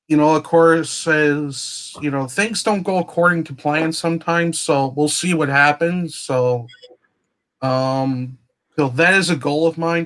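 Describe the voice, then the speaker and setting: A man chatting casually as a guest on a livestream, explaining things slowly with lots of fillers and restarts, heard over a video call. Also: mid-range voice, fairly bright tone. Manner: slow, meandering explanations with many fillers. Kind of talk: casual chat.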